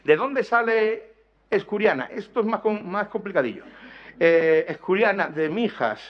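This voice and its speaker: A man's voice: high voice, animated, unhurried. A man giving an academic lecture to an audience, explaining carefully, correcting himself and asking rhetorical questions. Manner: explanatory, with restarts and apologetic self-corrections. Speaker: conference lecturer. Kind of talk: academic lecture on dialect words. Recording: dull, lo-fi lecture recording.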